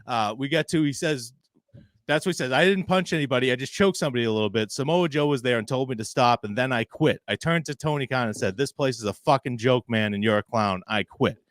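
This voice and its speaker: A man's voice: mid-range voice, a little fast, no echo, studio quality. A man co-hosting a casual wrestling podcast, retelling a story and laughing often. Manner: recounts stories, laughing often. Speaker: podcast co-host.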